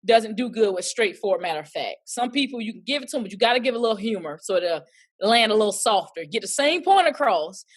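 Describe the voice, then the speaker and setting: With a husky, medium-pitched voice and a quick pace, an actress chats as an interview guest. She's a lively storyteller, performing the quoted voices in her anecdotes.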